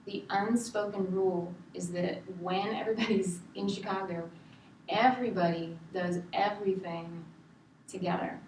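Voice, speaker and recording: A woman tells her story in an animated, exasperated way, acting out what others said. Her voice sits at a middle pitch and is picked up from a distance. The room is echoey, with a steady hiss behind her. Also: normal speed. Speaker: counseling client. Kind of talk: telling a story in a counseling session.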